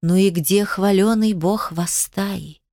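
Serpent goddess, sly and menacing, slow hissing delivery, low and hushed, dry audiobook read, a woman putting it on. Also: dry recording. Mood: mocking.

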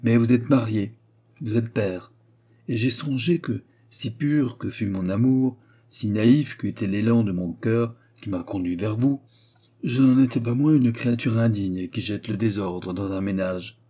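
A man's voice: lowish voice, measured pace, dark tone, breathy edge. A man reading a young woman's tender, resigned farewell letter in an audiobook.

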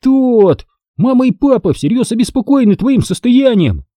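A man's voice: extremely high pitch, very animated, moderate pace, mellow, no room sound, studio quality, voice pushed up, exaggerated voice. A man reading an audiobook who voices an exasperated 12-year-old boy, the older brother, in impatient, scolding outbursts.

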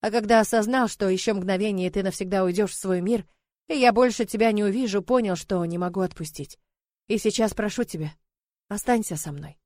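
A woman voicing a gentle grown man, a widowed father speaking softly and earnestly. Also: medium pitch, a little fast, no room sound, lightly acted. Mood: tender.

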